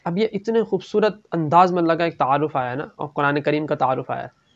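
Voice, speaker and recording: A man giving a religious lecture, telling stories and reciting scripture, sometimes dropping to a hush for quoted voices. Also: fairly high pitch, steady tone, highs cut off. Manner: storytelling, acts out quoted voices, drops to hushed tones. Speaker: Islamic speaker.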